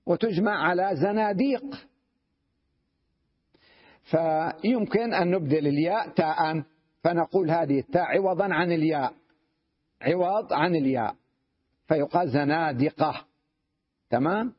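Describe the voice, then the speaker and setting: A man's voice: fairly high pitch, a little slow, pauses often, slightly rough. A man, a sheikh, teaching Arabic grammar in a lecture, reading lines from a text and explaining them step by step while often asking if students follow. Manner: checks understanding with frequent rhetorical questions; reads a line from the text, then explains it step by step. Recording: dull lo-fi recording.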